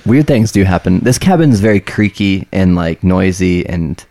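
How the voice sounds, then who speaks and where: A man telling a scary story casually to friends in a wooden cabin, in a halting, repetitive way and acting out quotes. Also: sits low, expressive, warm tone, no echo. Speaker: podcast co-host. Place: small creaky wooden cabin in the woods.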